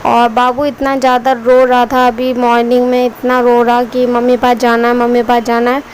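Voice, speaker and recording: A young woman with a high voice narrates her daily vlog, talking straight to her viewers. She sounds worried and a little weary as she explains what is going on. Steady background noise runs under her voice. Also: moderate pace. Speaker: vlogger. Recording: noisy background.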